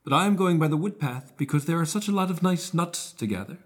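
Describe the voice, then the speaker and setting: A man voicing a cheerful little girl in a storybook reading, pitching up high and sing-song, with music behind. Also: expressive, quick pace.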